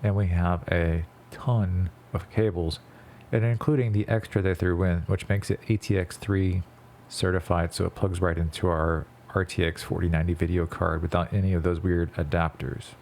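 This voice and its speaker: Male tutorial narrator, gravelly and fairly low, nose plugged as if stuffed with gauze, easygoing conversational read. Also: fairly even intonation, normal speed, a little mellow, slight background noise. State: congested after nose surgery, can't breathe through nose. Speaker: video creator narrating a PC build. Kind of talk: casual tutorial voice-over.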